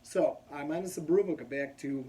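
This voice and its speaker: A man's voice: a little high, fairly quick, mellow, slight background noise. A man casually telling a long personal story, rambling and going off on tangents. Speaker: vlogger.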